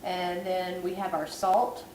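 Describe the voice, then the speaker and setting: A woman whose voice is giving out delivers a chatty, self-deprecating cooking vlog from her kitchen at night. Her lowish voice is flat and a bit mellow, and she takes things slowly. Background noise and kitchen echo come through, as she's far from the camera.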